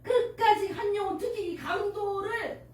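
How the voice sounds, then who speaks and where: High-voiced woman preaching in echoey hall. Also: fairly even intonation, unhurried, a little mellow. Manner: emotional, tearful at moments, addresses congregation with questions. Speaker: pastor. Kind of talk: sermon to children. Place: church sanctuary. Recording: echoey church hall from far off.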